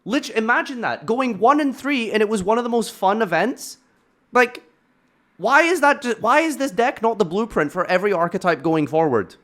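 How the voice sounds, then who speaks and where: A man's voice: high-pitched, expressive, normal speed, fairly bright tone. A man giving casual reaction commentary on a video, blunt and ranting, with sarcastic asides.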